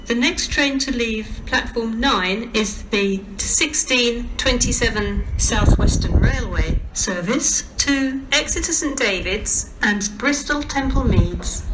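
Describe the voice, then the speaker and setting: Heard from afar over a large railway station's public address, a British woman announces the stops one by one in a formal, measured way. Her fairly high voice sounds animated, and the echoey, noisy tannoy carries station ambience.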